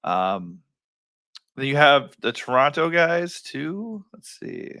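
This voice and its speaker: Guy with a kinda rough tired voice going over fantasy picks, chill, rambly, lots of um and self-corrections. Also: a little high, takes it slowly. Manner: relaxed, rambling, self-correcting with many ums. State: worn, rough voice. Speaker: fantasy sports analyst host. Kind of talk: casual solo picks breakdown.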